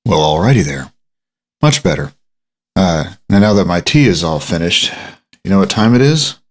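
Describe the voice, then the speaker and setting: A man's voice: low voice, lively intonation. A man hosting his solo podcast early in the morning, in a groggy morning voice, rambling and poking fun at himself. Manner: rambling, self-mocking, drawn-out asides. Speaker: podcast host. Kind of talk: casual solo podcast monologue. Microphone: studio microphone.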